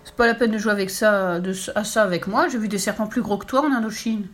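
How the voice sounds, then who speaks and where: A woman's voice: mid-range voice, fast, close to an everyday voice. A woman voicing a fearless, cheeky little red-haired girl in a storybook reading, talking in a cocky, playful, boastful way.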